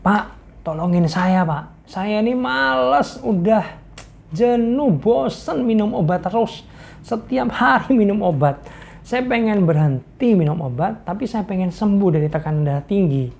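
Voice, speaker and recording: A woman's voice: mid-range voice, animated, a little slow, vocal fry, darkish tone. A woman voicing a weary male army commander who pleads and grumbles about his illness. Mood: pleading. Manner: complaining, pleading.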